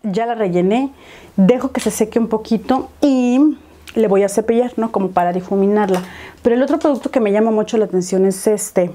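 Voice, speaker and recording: A woman's voice: mid-range voice, fairly quick, dark tone. A young woman talks viewers through her makeup step by step, chatting as she works. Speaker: beauty vlogger. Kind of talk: makeup tutorial chat.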